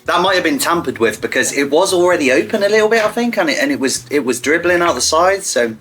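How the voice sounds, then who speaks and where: A man's voice: a little high, big pitch swings, quick pace, a bit bright, faint music behind. A man chatting casually to camera in a blunt, sweary, self-mocking way, as host of an online video. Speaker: online content creator hosting a hot wing challenge.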